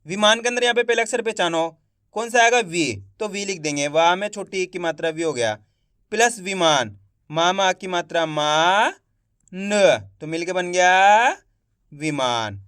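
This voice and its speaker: Male teacher, high clear voice, dry close mic, patient syllable-by-syllable drilling. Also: fairly bright tone, no echo. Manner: slow, repetitive, spells words out syllable by syllable; quizzes viewers with repeated questions. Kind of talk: Hindi literacy lesson.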